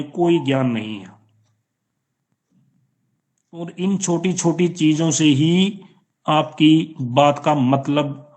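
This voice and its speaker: A man teaching an online class with an Indian accent, explaining slowly and patiently with repeated examples. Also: on the high side, a little mellow. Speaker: college teacher. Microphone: online class, computer or phone mic.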